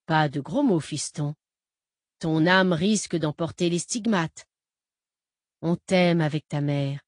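A woman reading an audiobook voices an impostor father who talks to a boy in a calm, condescending, soothing way. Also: low-pitched, slow, dry recording, studio quality. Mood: patronizing. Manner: soft, patronizing, soothing.

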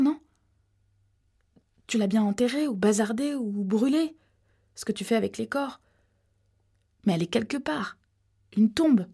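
A woman's voice: a little high, mellow, husky, voice pushed up. A woman reading an audiobook voices a desperate young pregnant woman, pleading urgently.

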